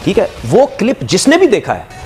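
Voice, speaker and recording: A man with a fairly high, lively voice speaks bluntly and scornfully, swinging his pitch for emphasis. Faint music plays underneath. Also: moderate pace. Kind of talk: opinionated video commentary.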